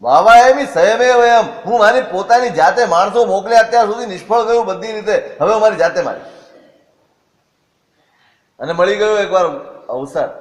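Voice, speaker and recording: A man's voice: sits high, moderate pace. Man retelling a sacred tale in a hall. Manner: expressive, asks and answers his own questions. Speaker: religious storyteller. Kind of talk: sermon storytelling. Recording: echoey hall.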